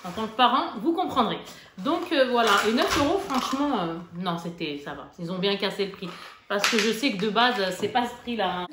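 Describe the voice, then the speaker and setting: A woman's voice: medium pitch, lively intonation, brisk. Woman, thirties, chummy haul vlog chat, hesitant fillers, noisy background. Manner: chatty, chummy, lots of fillers. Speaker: vlogger, mother. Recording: echoey room with background noise.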